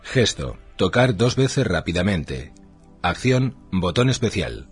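Low-pitched man reading instructions, animated intonation. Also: slow pace, husky, faint music behind. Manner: formal, reading out in short labelled items. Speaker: narrator of an instruction manual. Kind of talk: scripted instructional narration.

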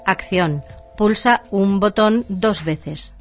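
A woman with a medium-pitched voice reads an instruction manual. She delivers it formally as a series of short labelled items. There is faint music in the background. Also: takes it slowly. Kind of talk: scripted instructional narration.

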